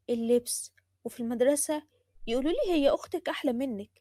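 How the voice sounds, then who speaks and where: A woman with an Egyptian accent voicing a spiteful, jealous young woman who taunts her younger sister loudly and bitterly. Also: a little high, dry recording, studio quality, close to an everyday voice. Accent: Egyptian Arabic.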